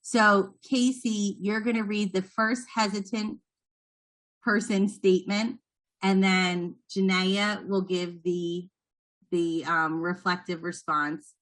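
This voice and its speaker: A woman's voice: medium pitch, little pitch movement, takes it slowly, fairly bright tone. A woman leading a training session, explaining patiently and encouraging the trainees. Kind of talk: instructional talk to trainees.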